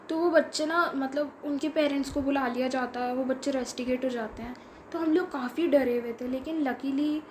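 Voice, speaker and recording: High-voiced girl telling a chatty school story. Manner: chatty, laughs while telling, many fillers. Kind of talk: casual storytelling of a school memory. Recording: roomy with faint background noise.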